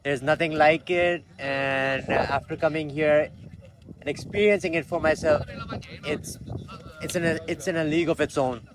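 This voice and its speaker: A man's voice: on the high side, moderate pace, crowd noise, low-quality recording. A young man from Pakistan talking keenly in a documentary interview, with fillers and restarts. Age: young adult.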